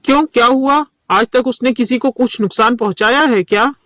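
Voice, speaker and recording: A man's voice: extremely high pitch, normal speed, fairly bright tone, no echo. A man voicing a poor village man who turns greedy, in a cartoon story with an emphatic, pleading manner. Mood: casual. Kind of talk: cartoon voice acting.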